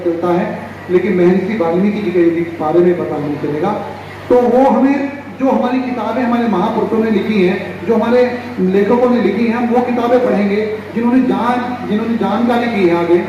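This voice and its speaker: Man giving an earnest speech, mellow high voice, echoey and distant. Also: dull audio, a little hiss or hum. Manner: earnest, restarts words mid-sentence. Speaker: speaker at a community meeting. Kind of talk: public speech. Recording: distant echoey PA sound with ambience.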